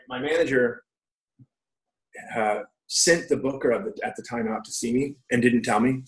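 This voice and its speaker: Man, 40s, stand-up comic, casual profane storyteller, roomy echo, mid pitch. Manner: loose, profane storytelling with quoted dialogue. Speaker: stand-up comedian guest. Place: room at home. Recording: echoey room.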